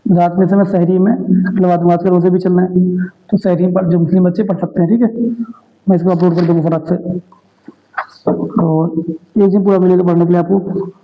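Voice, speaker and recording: A man with a high voice, an accent from North India, and a flat, even way of talking runs through exam revision topics as a tutor. His talk is casual and full of "okay" checks. The recording sounds dull and lo-fi. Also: fairly quick, long pauses. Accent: North Indian Hindi. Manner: informal, repeatedly says "read it well" and "okay".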